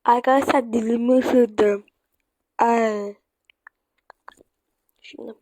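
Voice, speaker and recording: A woman's voice: fairly high pitch, fairly even intonation, slow, warm tone, dry recording. A woman giving chatty let's-play commentary to her viewers, swearing when flustered. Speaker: gaming YouTuber. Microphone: phone screen recording.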